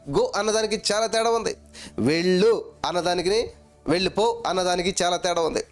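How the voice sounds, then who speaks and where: A pastor preaching with a Telugu accent, chanting repeated phrases and swinging between loud and low delivery. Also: male voice. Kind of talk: sermon.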